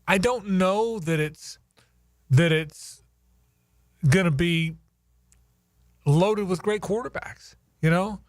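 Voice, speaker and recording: Man, American, sports talk host, lightly high register, dry sound, repetitive conversational phrasing. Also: a bit bright, dry recording. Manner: repeats words and phrases. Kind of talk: casual sports chat.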